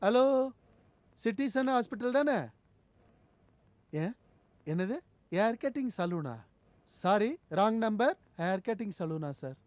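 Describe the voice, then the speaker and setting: An actor playing a bumbling, fearful police constable who stammers and talks nervously, from a dubbed film. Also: male voice, high-pitched, expressive, takes it slowly, pauses often, no room sound. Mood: nervous chatter. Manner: nervous, stammering, eager to please.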